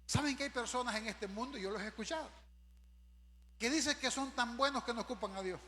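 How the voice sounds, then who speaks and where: A male pastor preaching an emphatic evangelical sermon, swinging between loud swells and low asides to the congregation. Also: a little fast. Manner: addresses the congregation often as brother. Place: church sanctuary. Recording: reverberant church hall, faint hum.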